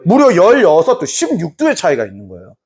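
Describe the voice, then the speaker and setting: Lively high-voiced male history teacher. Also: a little fast. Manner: animated, acts out short scenes in put-on voices. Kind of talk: classroom lecture.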